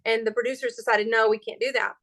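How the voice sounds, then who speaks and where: A high-pitched woman in her forties talks as a guest chef in a relaxed interview. She is lively and chatty, and she jokes a lot as she explains her approach. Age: 40s. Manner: animated, chatty, quick to joke. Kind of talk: casual interview chat.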